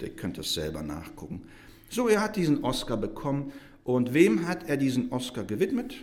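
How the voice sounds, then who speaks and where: A man preaching a sermon to his congregation. He talks with animated emphasis, swings between loud stressed phrases and quiet asides, and keeps checking in with a "ja?". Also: medium pitch.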